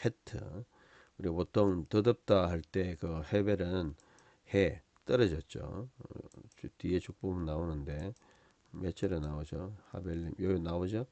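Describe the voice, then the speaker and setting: A man teaching a Bible lesson on Hebrew words, explaining each one slowly with many fillers and tag questions. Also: deep voice, gravelly, a little mellow, dry recording.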